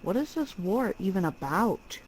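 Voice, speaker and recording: A woman's voice: medium pitch, big pitch swings, unhurried, a little mellow, breathy edge, dry recording, low-quality recording. A woman playing the spoiled, whiny teenage daughter of a space emperor in a comedic audio drama. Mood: questioning.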